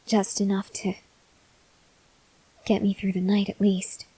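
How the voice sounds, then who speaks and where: A voice actress speaks as a starving female vampire researcher, weary, earnest and gently pleading, in an acted ASMR monologue aimed at the listener. Completely flat in delivery, her slightly rough mid-range voice is soft and halting, with long pauses and frequent whispers, as she plays someone weak and faint with hunger, weary and desperate. The recording is low quality.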